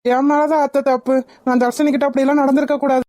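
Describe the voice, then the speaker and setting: A woman's voice: sits high, little pitch movement, fast, warm tone, dry recording, close to an everyday voice. A woman voicing a pushy, threatening young rowdy man in a cartoon. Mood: pleading. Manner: menacing, bullying.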